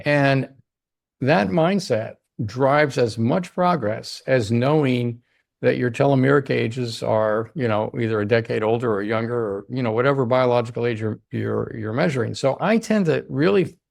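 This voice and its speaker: A man's voice: mid-range voice, moderate pace, vocal fry, no echo, studio quality. A man being interviewed as a longevity doctor, explaining his ideas emphatically and often checking in with "right?". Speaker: longevity doctor, podcast guest.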